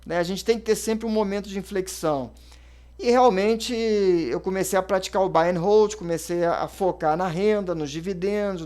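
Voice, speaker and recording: A Brazilian man, an investment advisor in his thirties or forties, explaining investing in a casual, conversational way with fillers and self-corrections. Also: sits high. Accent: Brazilian Portuguese.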